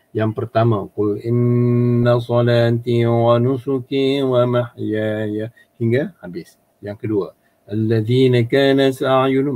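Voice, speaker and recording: A man with a Malaysian Malay accent, a religious studies teacher running a live exam workshop, modelling Arabic recitation slowly and correcting pronunciation. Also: on the low side, darkish tone, slightly rough. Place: online live session.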